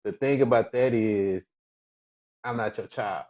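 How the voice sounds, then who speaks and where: A man with a very low voice and co-hosts a podcast in easygoing chat. He talks in a laid-back way, teases his co-host and stretches words for effect. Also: darkish tone. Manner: laid-back, playful teasing, drawn-out words. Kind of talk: casual chat.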